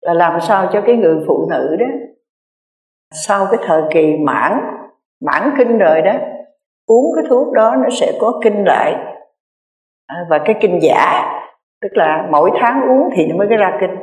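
A woman's voice: fairly low pitch, expressive, normal speed, pauses often, a little mellow. A Buddhist nun giving an earnest dharma talk, repeating key phrases and addressing her listeners directly. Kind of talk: sermon. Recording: echoey reverberant hall.

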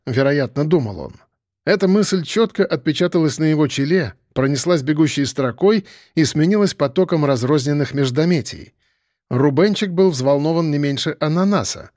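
A male narrator reads a novel aloud with a lively, rising and falling delivery. His voice sits a bit high for a man. The recording is dry and close. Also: dry recording. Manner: lively, expressive reading. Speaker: audiobook narrator. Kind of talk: scripted narration.

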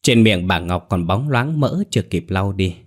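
Low-voiced male ghost-story narrator. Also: expressive, moderate pace.

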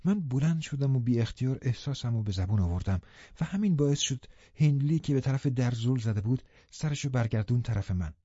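A man narrating an audiobook in a sombre, measured way. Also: medium pitch, expressive, dark tone, slightly rough, no room sound. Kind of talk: scripted narration. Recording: muffled lo-fi recording.

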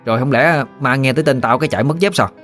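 A man's voice: mid-range voice, rapid-fire, fairly bright tone, faint music behind, pitched above the performer's own voice, lightly acted. A man voicing a burly, boastful boy bully who taunts and swaggers. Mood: taunting.

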